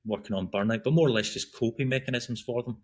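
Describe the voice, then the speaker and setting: Husky and fast, with a mid-range pitch, a middle-aged Scottish guest from Glasgow chats loosely on a podcast. He coaches breath work and running, and his easygoing talk meanders with many ums and restarts.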